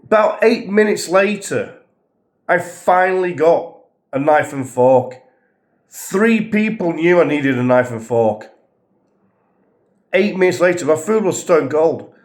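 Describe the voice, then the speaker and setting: A man's voice: fairly high pitch, lively intonation, takes it slowly, long pauses. A man vlogging a holiday review, ranting with exasperation, swearing and sarcasm. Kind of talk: angry ranting travel diary.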